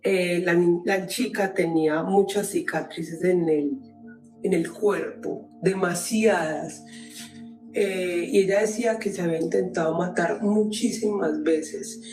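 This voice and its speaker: Woman, caller, nervous halting story, music bed behind. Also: lowish voice, steady tone, reverberant, low-quality recording. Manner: nervous, halting, many restarts. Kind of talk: telling a personal paranormal story.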